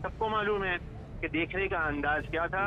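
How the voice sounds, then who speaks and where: A man calling in to a television debate, his fairly high voice squeezed through a tinny phone line. He answers in a measured, mildly sarcastic way. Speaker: political guest on phone line. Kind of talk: debate argument.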